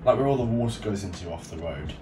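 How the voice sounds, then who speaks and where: Standing indoors beside his hobby build, a low-voiced male YouTube host vlogs an animated, fast, unscripted show-and-tell, thinking aloud informally. The room is echoey, the mic distant, and music plays behind him.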